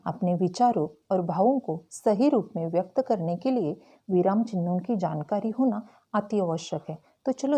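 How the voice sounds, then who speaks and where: Woman teacher explaining grammar, dark husky voice. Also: mid-range voice. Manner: slow, careful explaining with frequent "tो चलो". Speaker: Hindi teacher.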